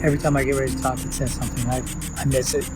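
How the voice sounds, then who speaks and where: Hushed, coaxing man in a cemetery. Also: mid-range voice, flat delivery, rapid-fire, over loud music, poor audio. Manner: hushed, coaxing, talks to spirits. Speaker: paranormal investigator host. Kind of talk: casual vlog narration. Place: cemetery outdoors at night.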